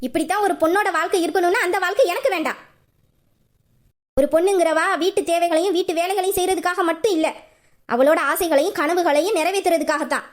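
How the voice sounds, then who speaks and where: A woman's voice: very high voice, fast talker. A woman voicing a headstrong young working woman who defiantly argues with her mother in an audio drama. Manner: forceful, defiant speeches.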